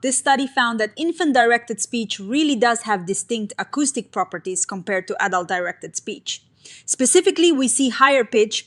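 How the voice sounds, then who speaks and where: A woman hosting a science explainer, giving a scripted narration of a research paper in a clear, upbeat, explanatory way with everyday comparisons. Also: a little high, fairly bright tone.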